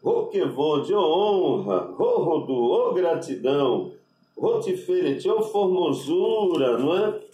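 A man with a Brazilian Portuguese accent, a rabbi giving an unscripted religious lesson, deliberate and spelling out Hebrew letters with constant tag questions. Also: fairly high pitch, big pitch swings, mellow, distant mic. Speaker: rabbi teaching Hebrew names. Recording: echoey room, voice off-mic.

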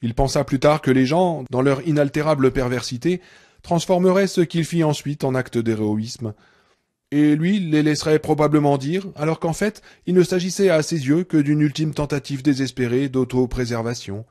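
A man narrating a novel in a measured, dramatic audiobook reading. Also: a little high, dark tone. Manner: measured, dramatic, darkening on tense passages.

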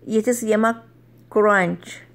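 A woman's voice: mid-range voice, fairly even intonation, slow pace, a bit bright. A middle-aged woman, chatting casually on a home vlog, laughing often and stumbling over English words. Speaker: vlogger.

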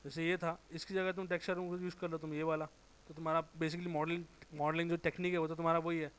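A man with a sore throat giving a casual, informal software tutorial, thinking aloud, correcting himself and muttering as he works. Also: fairly high pitch, little pitch movement, fast, clean tone. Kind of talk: casual screen-recorded tutorial.

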